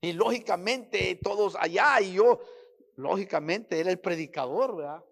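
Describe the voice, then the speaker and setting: A man's voice: high-pitched, expressive, normal speed, vocal fry, a bit bright. A middle-aged man preaching a sermon, telling personal stories with emotional, emphatic delivery that swells in intensity. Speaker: pastor.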